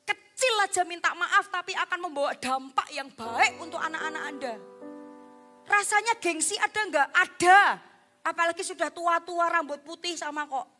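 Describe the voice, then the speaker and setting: A woman pastor preaching a lively sermon in church, sometimes acting out parents' words and dropping to a soft near-whisper. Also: very high voice, moderate pace. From Indonesia. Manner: animated preaching, acts out parent and child voices. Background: background music.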